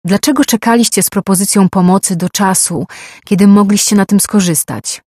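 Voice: mid-range voice, normal speed, darkish tone, no echo, studio quality, pitched above the performer's own voice, close to an everyday voice. A reader voicing Lorkin, a young envoy. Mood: accusing. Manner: pleading, argumentative. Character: young male mage, earnest, defensive envoy.

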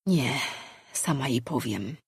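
A woman's voice: rumbling low, expressive, slow, vocal fry, breathy edge, dry recording, studio quality, pitched below the performer's own voice, full character voice. A woman reading the part of a guilt-stricken young woman, speaking earnestly and with pain. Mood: quiet.

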